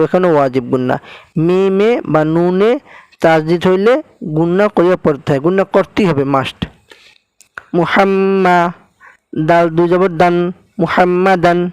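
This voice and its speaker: Male recitation teacher with a Bangladeshi Bengali accent, spelling syllables one by one in a smooth voice, dry close sound. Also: high-pitched, normal speed, dry recording, low-quality recording. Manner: spells out each syllable then blends it. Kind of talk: slow spelled-out recitation lesson.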